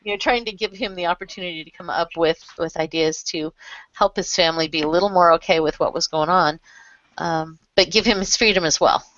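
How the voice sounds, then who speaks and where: A woman's voice: lowish voice, fairly quick, a bit bright, no room sound. Chatty woman on a dull, dry call. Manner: chatty, laughs often. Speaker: discussion group member. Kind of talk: casual group discussion. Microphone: video call. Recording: dull lo-fi video call audio.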